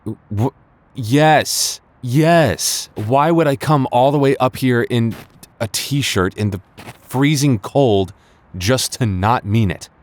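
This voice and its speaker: In a romantic audio roleplay, a man voices a flustered, defensive young man who is secretly in love with his childhood friend, stammering and speaking haltingly. His mid-range voice sounds close to everyday speech with no echo, and his mood is exasperated.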